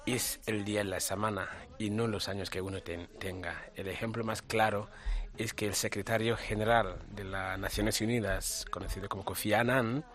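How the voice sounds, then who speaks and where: Low-voiced young man from Ghana. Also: steady tone, fairly bright tone. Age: young adult. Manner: measured, explanatory. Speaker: interview guest, audiobook author. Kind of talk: radio interview answers.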